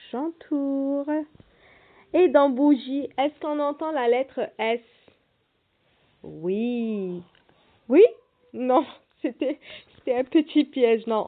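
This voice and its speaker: Slow, patient woman teacher, tinny sound. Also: on the high side. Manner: slow, patient, spells letters aloud. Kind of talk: primary school reading lesson. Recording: tinny phone-like audio.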